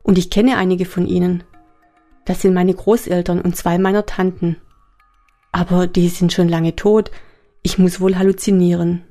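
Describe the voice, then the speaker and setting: A woman narrating a story in the first person, calm and introspective. Her voice is low, dark and mellow, with a gravelly rasp running through it. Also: moderate pace, faint music behind.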